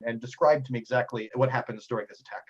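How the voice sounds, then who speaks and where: A man narrating a tabletop role-playing game as game master, animated and excitable, with frequent ums and uhs. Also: mid-range voice, very fast, breathy edge, dull audio.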